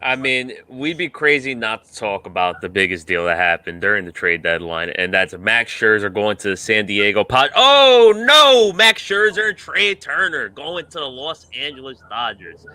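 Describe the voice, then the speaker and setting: A man co-hosting a sports podcast, talking about trades in an excitable, animated way. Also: fairly low pitch, normal speed, few pauses, no echo. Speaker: podcast co-host.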